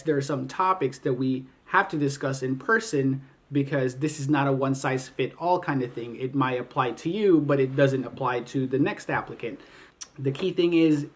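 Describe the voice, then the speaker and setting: A man in his thirties from the Philippines, an army recruiter explaining requirements point by point in a clear, methodical way. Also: medium pitch. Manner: clear, methodical, list-by-list delivery. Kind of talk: informational video explainer.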